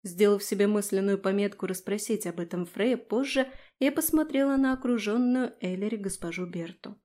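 A woman narrating a first-person fantasy audiobook in an expressive, storytelling manner. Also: mid-range voice, moderate pace.

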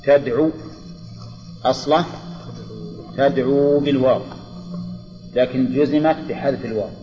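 A man, a religious scholar giving a classroom grammar lecture, deliberately repeating examples and quizzing his students. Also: mid-range voice, fairly even intonation. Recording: lo-fi reverberant hall recording with faint music.

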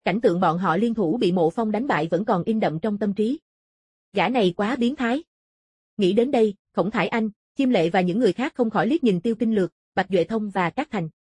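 A woman reading a scripted fantasy martial-arts story as an audiobook narrator, with a husky, soft-edged voice. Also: medium pitch, a little fast, hardly any pauses, dry recording, clean studio sound.

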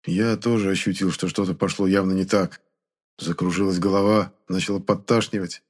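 A man narrates an audiobook in the first person, speaking a little on the low side. His delivery is steady and keeps the storytelling moving. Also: fairly quick.

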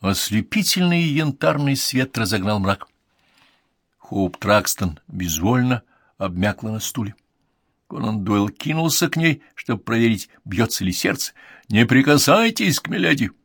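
A man's voice: fairly low pitch, animated, unhurried, dry recording. Dramatic male audiobook narrator, dry sound. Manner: dramatic reading.

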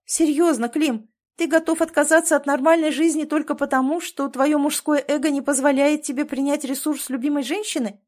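A woman's voice: high voice, fairly even intonation, fairly quick, few pauses, voice pushed up, natural voice. A woman reading an audiobook and voicing a strong-willed woman who argues insistently, with a steely edge in her voice. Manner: insistent, pleading and emphatic. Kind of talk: audiobook character voice.

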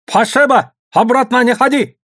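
Rough guy yelling orders, high and loud, husky, as a male reader does him. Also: moderate pace. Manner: shouting, curt. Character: rough man chasing women off, shouting. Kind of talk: audiobook character voice.

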